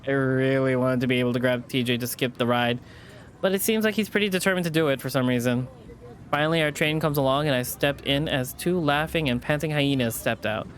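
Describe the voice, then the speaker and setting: A man with a mid-range voice reads a visual novel aloud at a brisk pace, adding chatty asides. He sometimes stumbles over words and rereads lines, and there's slight background noise.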